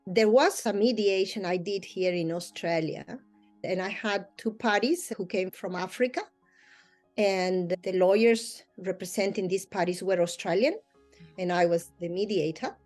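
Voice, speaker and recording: A Spanish-speaking mediator based in Australia responds sincerely to interview questions with somewhat non-native wording, laughing lightly and often. Her mid-range voice is slightly mellow, fairly even in intonation and a little slow, with soft music in the background.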